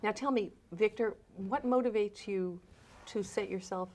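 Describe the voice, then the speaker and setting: A woman's voice: mid-range voice, measured pace, darkish tone, slight background noise. A woman in her later years hosting a live election night interview, chatty and teasing. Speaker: host.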